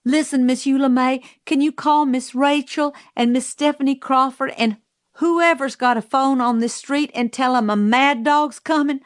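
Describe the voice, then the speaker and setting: A woman voices a forceful, no-nonsense Southern housekeeper character in an audiobook, brusque and commanding, with emphatic delivery and a Southern US accent, going from exasperated to urgent and alarmed. Her natural voice is a little high and a little slow, in clean studio sound with no echo.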